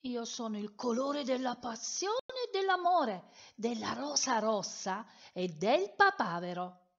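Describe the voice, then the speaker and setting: A furious, bossy male color from a children's storybook shouts his boasts with heat, played by a woman. Her pitch is high and jumps about, and the recording sounds a bit dull. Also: big pitch swings, slow pace, heavily acted. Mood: angry.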